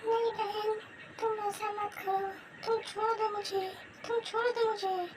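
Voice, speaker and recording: Cartoon witch played by a woman, man-eating, slow, menacing, gloating. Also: very high voice, flat delivery, over music. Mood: pleading. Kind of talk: cartoon voice acting.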